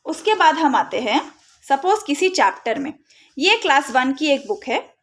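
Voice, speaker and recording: A woman giving a phonics lesson for parents, modelling letter sounds slowly and mixing in English terms. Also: sits high, very animated, fairly bright tone. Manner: mixes Hindi with English terms. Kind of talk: instructional tutorial.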